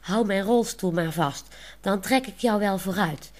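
A woman's voice: medium pitch, measured pace, a little mellow, natural voice. A woman voicing a proud, cheeky man in a wheelchair who talks boastfully. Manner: boastful, playful.

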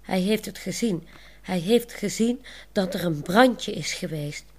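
A woman's voice: medium pitch, animated, measured pace, a little hiss or hum. Woman reading as a cheeky proud man in a wheelchair, boastful, playful, storybook. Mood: alarmed.

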